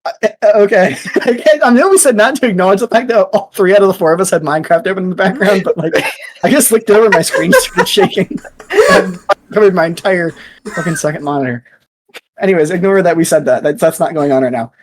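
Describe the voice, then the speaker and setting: Joking young man, lively pitch. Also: a little fast, slight background noise. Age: young adult. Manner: joking, swears freely, laughs a lot. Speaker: podcast co-host. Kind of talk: casual chat. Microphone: online voice chat.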